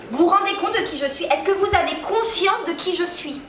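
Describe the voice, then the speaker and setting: A woman's voice: extremely high pitch, lively intonation, fairly quick. A hypnotized woman on stage lecturing with grand, indignant self-importance, often laughing. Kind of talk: lecturing as a self-proclaimed physicist. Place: stage in front of an audience. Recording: echoey room, mic far off, audience noise.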